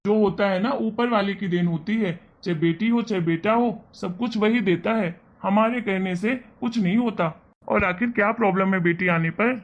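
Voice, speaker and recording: A man voicing a kind, earnest young husband and son in an animated family story. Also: sits high, normal speed, natural voice. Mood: pleading. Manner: earnest, persuasive.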